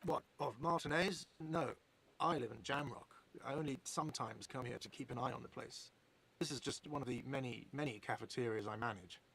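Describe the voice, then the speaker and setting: A man's voice: medium pitch, fairly quick, gravelly, fairly bright tone, breathy edge. A man voicing a grumpy, sarcastic male cafeteria manager in a video game, nagging about money owed. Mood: defensive.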